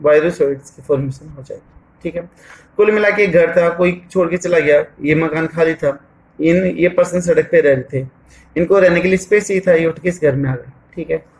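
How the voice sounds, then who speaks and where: A man's voice: fairly high pitch, poor audio. A man teaching a lesson, asking questions and answering them himself while he writes on the board. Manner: asks questions and answers them himself, repeats "theek hai"; writes on the board while talking, slow with pauses. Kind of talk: board lesson in Hindi mixed with English terms.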